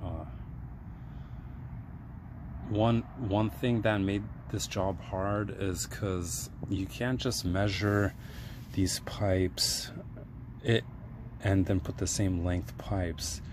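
Crouched in the tight space beneath a sink, a low-voiced man vlogs a relaxed DIY how-to, showing the work with his hands as he talks. His pace is unhurried and full of ums and uhs, and the handheld phone camera, shot first-person, picks up steady background noise.

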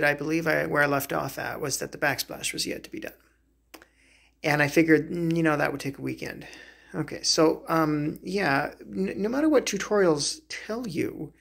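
Man, 30s, casual home-tour vlogger, gravelly, slightly husky voice, halting delivery full of ums, phone-recorded in a kitchen. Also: a little high, fairly bright tone. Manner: rambling, hesitant, many fillers and restarts. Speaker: homeowner vlogger. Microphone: phone camera, handheld selfie then walking.

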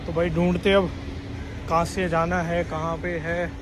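A man's voice: fairly high pitch, flat delivery, a little slow, background noise. A young man talking casually to viewers in a daily vlog, filming himself on a phone at arm's length while out in the city. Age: young adult. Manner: chatty, addresses viewers as bhai. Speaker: vlogger. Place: outdoors on city streets and in a metro station. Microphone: phone held at arm's length.

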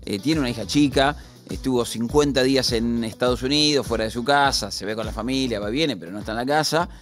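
A man's voice: mid-range voice, fast talker, faint music behind. A man with an Argentine accent, explaining sports results and rules step by step in casual studio chat. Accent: Argentine Spanish. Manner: explains patiently, with an informal aside at the end. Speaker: sports commentator on a streaming talk show.

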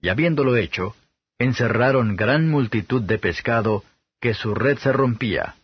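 A man giving a steady, measured Bible reading as an audiobook narrator, on a dull, slightly lo-fi recording. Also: on the low side, husky, dry recording.

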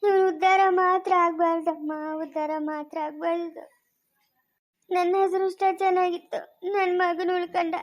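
A woman's voice: very high voice, steady tone, normal speed, darkish tone. A woman playing a weeping, cursing village widow. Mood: grieving. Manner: wailing curses. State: crying.

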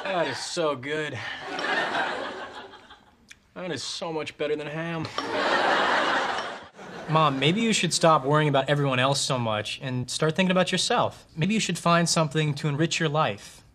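An actor playing a sarcastic, awkward teenage son with deadpan, wisecracking delivery. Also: male voice, a little high, normal speed, pauses often, close to an everyday voice. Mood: wry. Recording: noisy sitcom TV audio.

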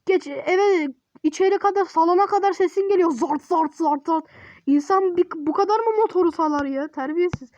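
A woman's voice: extremely high pitch, brisk, hardly any pauses, darkish tone, dry recording, highs cut off. A woman giving casual gaming commentary, blunt and teasing, swearing freely and scolding the game's child. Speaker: game streamer.

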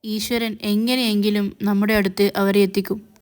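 A woman voicing an anxious middle-aged husband who is flustered on the phone and soothes his wife, in a smooth voice. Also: medium pitch, little pitch movement, moderate pace, a little mellow, natural voice.

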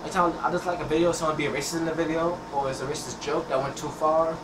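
A teenage gameplay channel host rambles casually over his gameplay, often restarting his words. His voice is on the high side, steady in tone and quick. The headset mic picks up an echoey, distant, noisy room.

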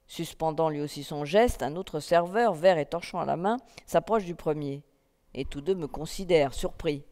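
A woman reading a literary text aloud at a festival, in a calm, measured first-person narration. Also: low voice. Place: festival stage in a hall. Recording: long reverb of a hall.

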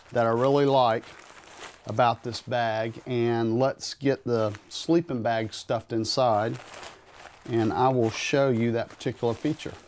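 A man's voice: mid-range voice, slight background noise. Casual man demonstrating camping gear. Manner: relaxed, plain-spoken, talks while handling gear. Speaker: gear reviewer. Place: carpeted room in a house, indoors.

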